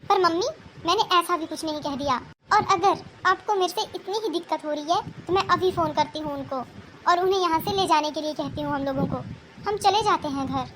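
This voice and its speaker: Woman voicing a spoiled cartoon daughter, whiny and demanding, very high pitch. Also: brisk, background noise. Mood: complaining. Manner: petulant, complaining. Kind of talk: cartoon voice acting.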